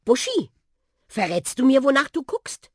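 A curious, good-natured young boy from a storybook, as a woman reader puts him on. He asks eager questions in a higher, lively voice with a slightly breathy tone. The sound is close and dry. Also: measured pace, no room sound, full character voice.

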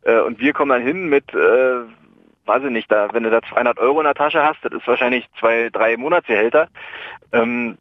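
A man's voice: medium pitch, fairly quick, no echo. A man calling in to a radio show, speaking hesitantly and thoughtfully with many fillers. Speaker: caller. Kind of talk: casual phone-in chat. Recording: dull lo-fi phone line, dry.

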